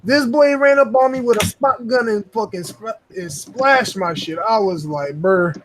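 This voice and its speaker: A young man with a high voice hosts a casual gaming podcast. He swears freely and gets animated when telling stories about matches. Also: normal speed, a little hiss or hum. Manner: loose, profane, animated storytelling. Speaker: podcast host.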